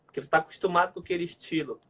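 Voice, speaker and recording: A man with a Brazilian Portuguese accent, co-hosting a casual video-call chat and explaining liturgical music in a measured, teacherly way. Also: sits high, a bit bright. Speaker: co-host, liturgical music educator.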